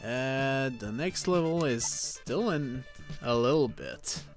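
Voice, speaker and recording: A man streaming a retro video game live, calmly narrating what he does with commentary between moves. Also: mid-range voice. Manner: slow, laid-back narration of gameplay. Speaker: let's play streamer. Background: faint game music.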